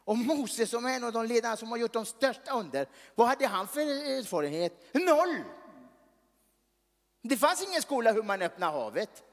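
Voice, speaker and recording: A man's voice: very high-pitched, lively intonation, hardly any pauses. A man preaching a sermon in a chatty way, often tossing questions to the congregation. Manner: conversational, tags lines with questions to the audience. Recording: long hall reverb.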